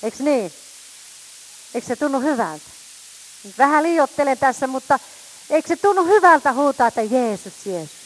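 A woman preaching a sermon, fervent, calling out to her congregation and swinging between loud shouts and quiet asides. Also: sits high, animated, pauses often, poor audio.

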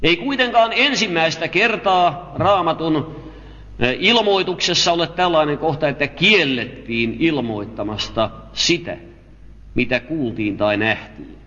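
A man with a fairly high voice delivers a sermon, reading scripture and explaining it in a measured, careful way. The audio is dull and lo-fi, with long reverb from a large hall. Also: expressive, pushed and bright. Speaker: preacher. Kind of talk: Bible teaching sermon.

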